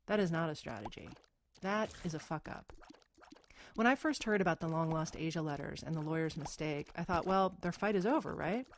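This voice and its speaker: A woman narrating an investigative podcast in a measured, wry storytelling manner. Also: on the low side, a little hiss or hum.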